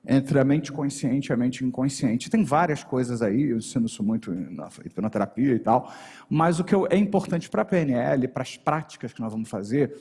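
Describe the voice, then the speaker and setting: A man's voice: medium pitch, moderate pace, slightly rough. Brazilian man lecturing on a stage. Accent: Brazilian Portuguese. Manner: animated, shifts intonation to address the audience directly. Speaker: NLP and hypnosis trainer. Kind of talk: live workshop lecture. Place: stage before a live audience. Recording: long hall reverb on a stage voice.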